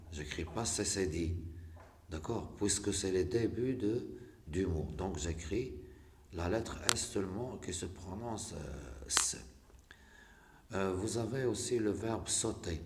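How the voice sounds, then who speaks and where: Deep-voiced Moroccan man teaching slowly. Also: echoey room, a little hiss or hum. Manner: explains slowly, repeats words, switches between French and Moroccan Arabic. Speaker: primary school teacher. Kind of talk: classroom spelling lesson.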